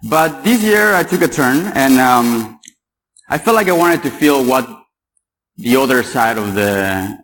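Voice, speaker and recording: A man's voice: medium pitch, expressive, measured pace, a bit bright, rough recording. Young man from Paraguay, conference speaker, playful and chatty, faint room noise. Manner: joking, chatty, quizzes the audience. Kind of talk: security conference talk. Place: conference hall.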